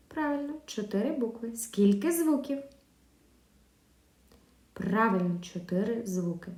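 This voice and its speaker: Woman teacher, slow sing-song delivery, mellow voice, echoey room. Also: a little high. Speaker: primary school teacher. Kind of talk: video lesson for young pupils.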